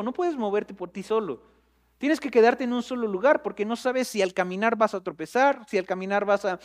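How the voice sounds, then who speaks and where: A high-pitched man preaches as a pastor, speaking directly and conversationally to his listeners and building to loud, emphatic peaks.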